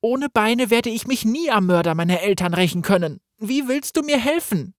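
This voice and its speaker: A man's voice: high voice, expressive, moderate pace, no echo, studio quality, voice pushed up. A man voicing a frightened young hero. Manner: anxious, pleading.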